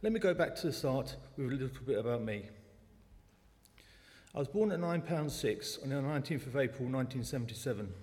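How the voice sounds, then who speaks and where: Speaking briskly and with animation, this lay speaker at a church service offers his testimony in a chatty, self-mocking style. He is a forties-aged man from South London with a matching accent and a medium, darkish voice, heard through long hall reverb.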